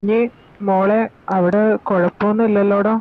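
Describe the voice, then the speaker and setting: A performer voicing a gentle, caring young boyfriend who reassures his girlfriend over a phone call. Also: medium pitch, flat delivery, normal speed. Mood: soothing. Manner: soothing, reassuring. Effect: phone call filter. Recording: tinny phone line, faint noise.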